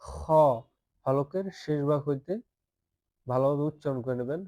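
Male Arabic alphabet teacher, slow repetitive lesson delivery. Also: mid-range voice, darkish tone. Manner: patient, repeats each letter several times, asks listeners to say it along.

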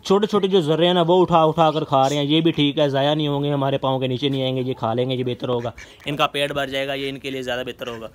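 Fast-talking man in a backyard vlog. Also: medium pitch, flat delivery, slight background noise. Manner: fast, chatty, coaxing animals with repeated calls. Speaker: pet vlogger. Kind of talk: casual outdoor vlog narration. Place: outdoor yard with bird cages, aircraft passing overhead.

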